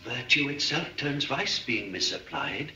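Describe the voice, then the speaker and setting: An actor playing a calm, wise friar who speaks verse in a measured, reflective way in an old film. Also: male voice, medium pitch, roomy sound, soft background music. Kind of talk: 1950s film acting. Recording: dull old film soundtrack with faint hiss.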